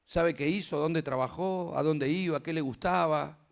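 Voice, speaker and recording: A man's voice: a little high, normal speed, vocal fry. An older man preaching a sermon, emphatic and returning again and again to firm refrains.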